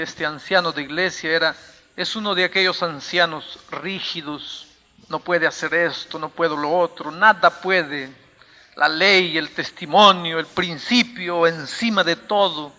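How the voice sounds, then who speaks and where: High, bright-voiced preaching man. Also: big-room sound. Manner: emphatic preaching with storytelling. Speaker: pastor. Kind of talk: sermon.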